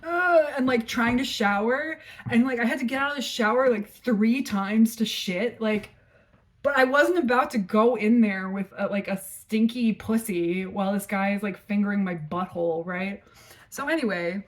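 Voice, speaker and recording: A woman's voice: medium pitch, normal speed. Frank, rambling woman vlogger. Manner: frank, profane and rambling, with many fillers. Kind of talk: casual storytelling vlog.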